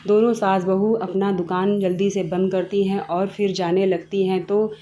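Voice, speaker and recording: A woman's voice: medium pitch, little pitch movement, moderate pace, dark tone, a little hiss or hum. A woman narrating a family moral story in a plain, simple storytelling way.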